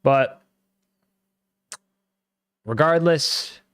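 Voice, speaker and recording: A man casually commenting on a football match live for his stream, slangy and excitable, breaking into loud exclamations at big moments. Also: on the high side, extremely slow, clear, resonant tone, no echo.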